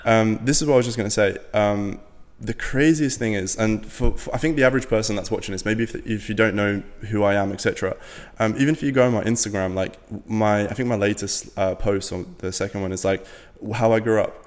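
A man's voice: on the low side, fairly quick, hardly any pauses, long reverb tail. A young man from Latvia, a podcast guest, chatting casually in a rambling way with lots of fillers and the odd swear word. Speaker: podcast guest, business owner.

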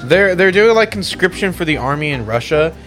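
Young male, lively high-pitched voice, blunt bro-slang banter, heavy swearing. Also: brisk, faint music behind. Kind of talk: casual chat among friends.

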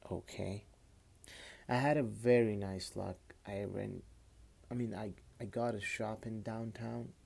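A man in his late twenties with a Kashmiri accent, talking casually and haltingly as a podcast host, often repeating words, recorded on a phone. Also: lowish voice, fairly even intonation, gravelly, a little mellow, slightly rough. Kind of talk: casual personal monologue.

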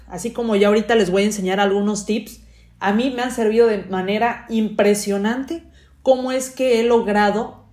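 A woman's voice: fairly high pitch, darkish tone. A woman hosting a self-help podcast, talking in a chatty way and asking her listeners many questions. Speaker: podcast host. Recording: echoey room.

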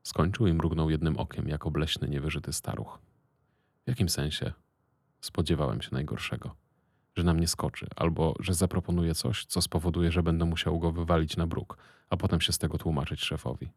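A man narrates a first-person story in a very low, gravelly voice. His manner is measured and deadpan, with a wry edge. The recording is dry and close. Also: dry recording. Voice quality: deep, gravelly.

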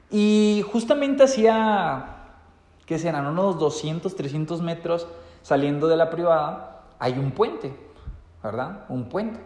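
A man with a Mexican accent telling a story to his viewers, animated, with many fillers and restarts. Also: on the high side, reverberant, big-room sound. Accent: Mexican Spanish. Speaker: vlogger.

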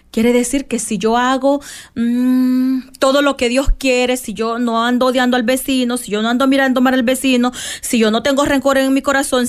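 A woman in her thirties preaching with fervent, tender devotion. Her voice sits high, and she comes back to her key phrases again and again. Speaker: lay preacher.

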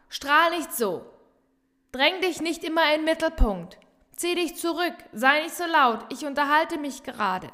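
A woman coach delivers an earnest motivational talk, speaking directly to her listener and circling back to the same points again and again. Her voice sits high and bright. A long reverb trails after her words, as if she is speaking in a large hall. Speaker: business coach.

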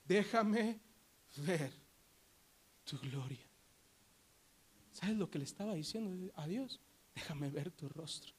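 A man preaching a sermon to a congregation, swinging from loud, high outbursts to low, hushed emphasis. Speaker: pastor. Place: church service before a congregation.

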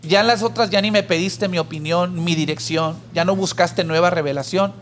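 This high-pitched man speaks at normal speed while co-hosting a church podcast, teaching through a parable in a conversational way. He animates the story, lifting his voice to play the one who pleads.

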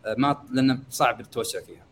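A young man with a Gulf Arabic accent explaining conversationally as a guest expert, hesitant and pausing as he thinks aloud. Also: mid-range voice, fairly bright tone, a little hiss or hum. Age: young adult. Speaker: guest expert in startup marketing.

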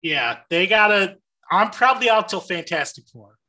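Very bright-voiced enthusiastic man. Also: high voice, animated, moderate pace. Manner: enthusiastic, casual, swears freely. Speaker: podcast co-host. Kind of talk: casual movie chat.

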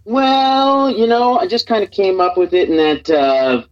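A man from Nebraska guests on a radio show by speakerphone, chatting in an easygoing, rambling way full of fillers and restarts. His voice is high-pitched and unhurried, coming through a dull, muffled speakerphone line with a noisy background.

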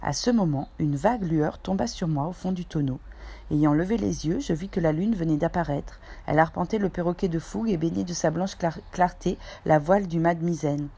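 A woman narrating a chapter of a novel in a steady, measured storytelling manner. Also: on the low side, creaky, husky. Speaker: audiobook reader.

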